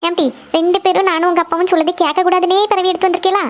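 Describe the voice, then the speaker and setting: A woman's voice: very high-pitched, flat delivery, rapid-fire, muffled recording. A woman voicing a strict middle-aged mother, scolding and lecturing her daughter.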